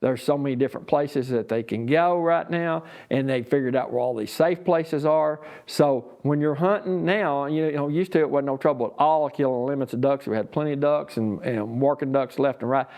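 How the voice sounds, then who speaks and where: A man's voice: medium pitch, normal speed, hardly any pauses, a little mellow. A man with a Southern US accent giving an informal, unscripted hunting lesson in a folksy, rambling way. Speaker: duck calling instructor and champion.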